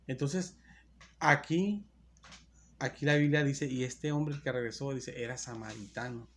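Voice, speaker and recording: A man's voice: medium pitch, unhurried, a little hiss or hum. A man preaching a sermon in a church, reading Bible verses aloud and explaining them, often restarting and correcting himself. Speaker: pastor.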